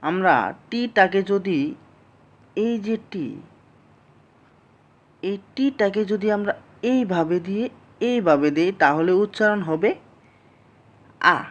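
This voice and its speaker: A teacher giving a slow, patient language lesson, explaining each sound step by step and repeating it back to the class. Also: mid-range voice, highs cut off.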